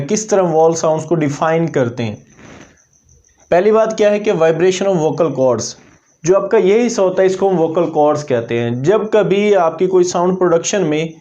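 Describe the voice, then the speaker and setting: A man's voice: on the high side, warm tone. A man gives a classroom-style lesson in a slightly raised voice. He explains step by step and drills example words aloud. The recording sounds dull and lo-fi. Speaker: English teacher.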